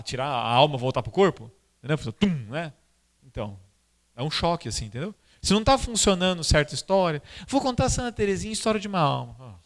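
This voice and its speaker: Animated Brazilian man telling stories. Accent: Brazilian Portuguese. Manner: animated, conversational, pitch swinging widely, frequent tag questions. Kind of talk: informal talk with storytelling.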